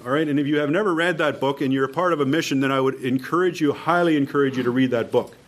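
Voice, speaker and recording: Leading a workshop as a mission leader, a man with a Canadian accent gives an informal instructional talk to a group, speaking emphatically and repeating his key points. His voice is mid-range and fast.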